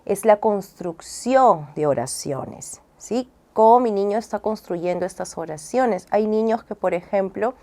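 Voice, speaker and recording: A woman's voice: mid-range voice, lively intonation, unhurried, few pauses, warm tone. Patient teacherly woman explaining to a listener. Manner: patient, teacherly, checks in often with tag questions; acts out child sounds with syllable drills. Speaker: speech and language therapist. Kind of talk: explaining as an interview guest.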